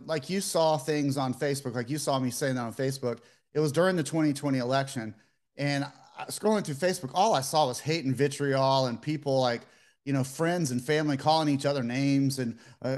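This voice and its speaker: A man in his fifties, a podcast guest, telling his story in a relaxed, rambling way. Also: mid-range voice. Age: 50s. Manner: relaxed, rambling, many fillers like "you know". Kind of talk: casual interview storytelling.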